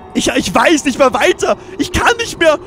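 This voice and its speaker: A man's voice: very high voice, big pitch swings, unhurried, a bit bright, soft background music, full character voice. A man voicing a despairing man lost in a maze, reading out his diary with broken, repeating, pleading phrases.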